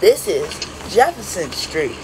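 A woman's voice: lowish voice, noisy background. Woman announcing subway stops. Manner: flat, measured announcer delivery. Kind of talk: recorded station announcements.

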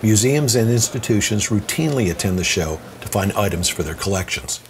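A man giving a smooth, scripted promotional narration as a voice-over. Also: fairly low pitch, animated, brisk, a little hiss or hum. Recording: voice-over with music underneath.

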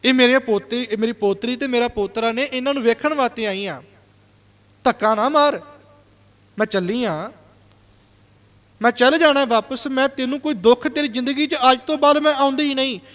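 A man's voice: very high-pitched, normal speed, long pauses, a bit bright, pitched above the performer's own voice. A male preacher voicing an elderly mother who begs her son tearfully, in a hall with long reverb. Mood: pleading. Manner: tearful, begging.

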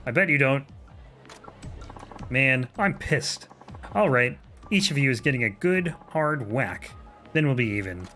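A man's voice: medium pitch, lively intonation, measured pace, pauses often, pushed and bright, faint music behind. A man voicing a crude, bullying middle-aged samurai who hurls sneering threats.

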